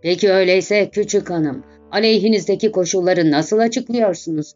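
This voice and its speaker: A woman reading the lines of a calm, cold male prosecutor who questions formally. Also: mid-range voice, moderate pace, lo-fi sound, faint music behind, natural voice.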